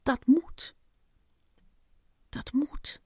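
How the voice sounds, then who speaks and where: A woman voicing a stubborn, agitated male ant in a storybook reading, with a shrill, insistent way of shouting. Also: animated, unhurried, no echo, clean studio sound. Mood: brooding.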